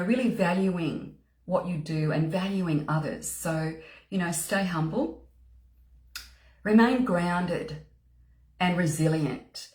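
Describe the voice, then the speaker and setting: A woman's voice: fairly low pitch, a little mellow, echoey room. A woman speaking as a spiritual mentor, giving an earnest motivational talk with lots of "you know" and "okay" and words repeated for emphasis. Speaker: spiritual mentor and psychic medium.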